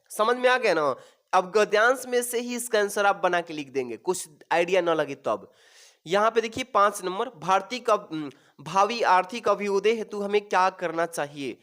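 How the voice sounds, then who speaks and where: A man's voice: sits high, fairly bright tone. A man teaching an exam-prep lesson, calling his students "babu" and repeating each question to reassure them.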